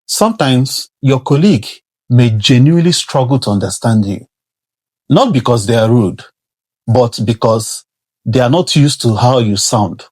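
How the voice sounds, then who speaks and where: A man with a heavy non-native accent talks to camera in an earnest, instructive way. His voice is husky. The sound is dry and close, with no room echo. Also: medium pitch, animated, a little slow, a little mellow. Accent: non-native English, heavy. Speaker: career vlogger. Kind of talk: advisory talk to camera.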